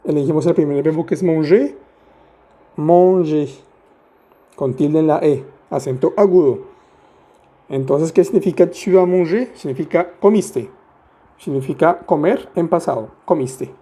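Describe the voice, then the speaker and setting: A man's voice: fairly high pitch, a little slow, dark tone. A man teaching French grammar step by step, patient and playful, often asking the listener questions as he goes. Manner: patient, asks rhetorical questions, playful asides.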